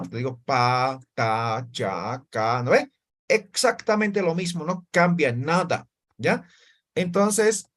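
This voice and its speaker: A man teaching an online language class, explaining patiently, demonstrating sounds slowly and checking in with his students often. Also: on the high side.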